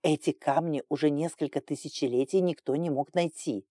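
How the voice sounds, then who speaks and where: A woman's voice: deep voice, fairly quick, warm tone, dry recording, clean studio sound. A woman reading an audiobook, voicing a touchy, indignant male dragon warlock with a whiny, aggrieved manner.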